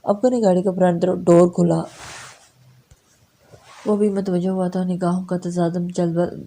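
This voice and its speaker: A woman narrating a romance novel in a steady, measured reading. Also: fairly low pitch. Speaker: novel reader.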